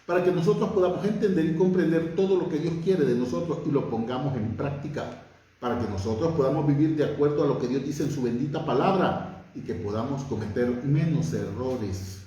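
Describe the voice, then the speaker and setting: A man's voice: mid-range voice, lively intonation, moderate pace, warm tone. A man preaching a sermon, fervent and emphatic, his voice rising on key words. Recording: very echoey room, from far off.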